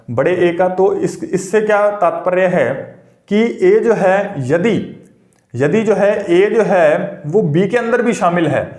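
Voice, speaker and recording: A fairly high-voiced man teaching maths in an echoey room. He explains step by step, asks the class questions and answers them himself, repeating key words often. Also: darkish tone. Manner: repetitive and explanatory. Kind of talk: exam-prep maths lesson.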